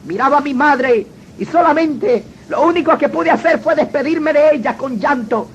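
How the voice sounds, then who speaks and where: A man's voice: extremely high pitch, normal speed. A man telling his personal testimony in an earnest, dramatic storytelling manner. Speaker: testimony speaker. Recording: dull lo-fi recording with faint noise.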